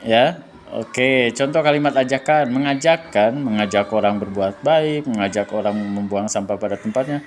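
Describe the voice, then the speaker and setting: A man's voice: mid-range voice, normal speed, a little hiss or hum. A man, a teacher talking students through an exam study guide in a loose, chatty way, full of fillers and restarts. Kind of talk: casual exam review lesson.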